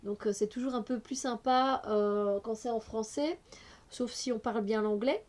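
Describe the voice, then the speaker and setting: A woman's voice: on the high side, normal speed, darkish tone. A woman with a cold, reviewing an oracle card deck in a casual, hesitant way with many fillers. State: has a cold.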